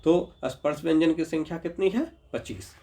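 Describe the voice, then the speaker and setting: Patient male grammar teacher, slightly high voice. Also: dark tone. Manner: patient, repeats sounds slowly, checks in with "ठीक है"; addresses viewers as "Babu". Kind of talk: explanatory lesson.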